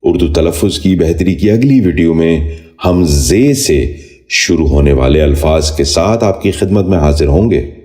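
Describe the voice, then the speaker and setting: A man with an extremely low, dark voice leads a scripted pronunciation lesson. He speaks slowly and formally, saying each word and then repeating it, and he addresses both viewers and children politely. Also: lively intonation, faint music behind. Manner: slow, measured drill, repeating each word. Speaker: Urdu pronunciation teacher.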